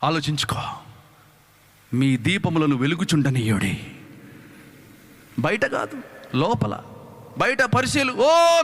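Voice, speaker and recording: Male pastor, high bright voice, fervent sermon. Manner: fervent, repetitive rhetorical questions. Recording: reverberant hall.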